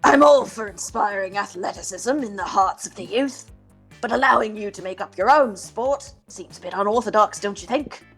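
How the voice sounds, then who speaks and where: Brief: a woman as a hearty cartoonish tiger coach in a game, husky and folksy. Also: medium pitch, moderate pace, a bit bright, soft background music. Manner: folksy drawl with homespun sayings. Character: folksy middle-aged male tiger gym coach, hearty.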